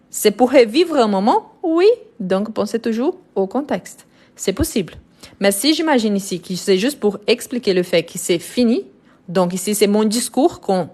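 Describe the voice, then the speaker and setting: A woman teacher of mixed French and Brazilian background walks her viewers through verb tenses at a slow, careful pace, pausing often on fillers as she works through each example. Her voice sits at an ordinary middle pitch for a woman. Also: darkish tone. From France and Brazil. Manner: slow, deliberate, explanatory with many fillers. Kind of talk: live online grammar lesson.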